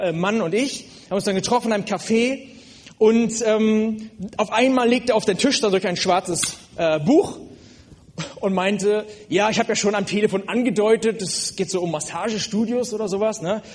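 Speaking with earnest directness to his congregation, a man preaches a sermon in a rather high voice, frequently stopping on hesitant filler words.

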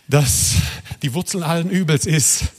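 A man preaching a sermon with impassioned energy, swinging from loud, urgent highs to hushed whispers. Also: unhurried, in a large hall.

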